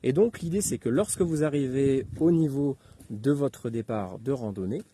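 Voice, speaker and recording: A man giving an informal spoken tutorial as an instructor, talking haltingly with many hesitations and filler words. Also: mid-range voice, warm tone, slightly rough. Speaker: instructor giving outdoor radio advice.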